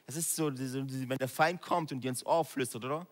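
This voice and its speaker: Male preacher, mid pitch, emphatic verse-by-verse proclamation, loud peaks and soft asides, long hall reverb. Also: steady tone, a little fast. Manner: swings between loud exhortation and quiet intimate asides. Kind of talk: sermon.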